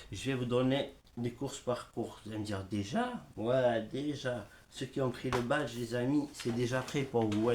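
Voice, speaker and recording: A man giving horse racing betting tips in a casual live stream, speaking haltingly and filling pauses with the same word. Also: mid-range voice, noisy background. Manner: slow, halting, repeats "voilà" often. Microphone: smartphone.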